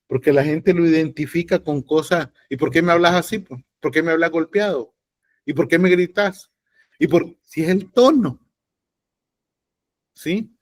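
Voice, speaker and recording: Over a video call, a man with a Salvadoran Spanish accent teaches podcast acting in an online class, giving blunt, joking and emphatic advice. His pitch is fairly high, with no echo.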